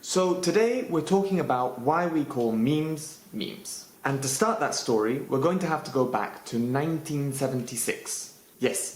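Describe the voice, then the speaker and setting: A man's voice: medium pitch, roomy sound, rough recording. A man hosting a scripted English lesson for Spanish speakers, narrating with playful asides. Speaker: English teacher and channel host.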